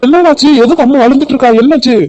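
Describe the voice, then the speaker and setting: A man putting on a high anxious cartoon child. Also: racing, a little mellow, dry recording, dull audio, natural voice. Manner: anxious, pleading. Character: young village child worried about his mother.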